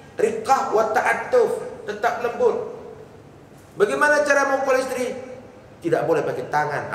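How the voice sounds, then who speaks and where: Joking preacher, echoey hall. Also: male voice, very high-pitched, fairly bright tone. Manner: joking, asks the congregation questions. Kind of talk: humorous sermon to a congregation. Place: mosque hall. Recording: echoey hall from far off, faint noise.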